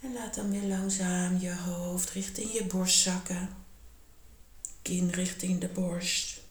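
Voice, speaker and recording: Calm woman yoga teacher, soft half-whispered guidance, lowish voice, echoey room. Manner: slow, calm and soothing, often half-whispered. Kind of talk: guided meditation and yoga instruction.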